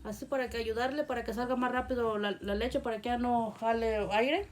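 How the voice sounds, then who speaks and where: Mother, gentle coaxing home-video talk, filmed on a phone, voice a bit high. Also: fairly even intonation, fairly quick. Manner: soft coaxing, repeats endearments to the baby. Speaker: mother feeding her baby. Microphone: phone held by someone else.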